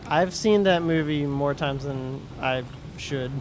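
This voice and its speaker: Man, fairly high voice, casual gameplay chat, rambling, lots of restarts. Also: slow pace, noisy background. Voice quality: higher voice. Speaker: streamer.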